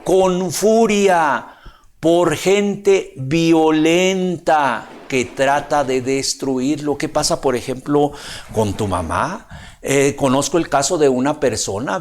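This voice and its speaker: Gravelly-voiced preacher. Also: male voice, on the high side. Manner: reads scripture aloud and keeps asking "¿verdad?" to his listeners. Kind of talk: conversational Bible-study sermon.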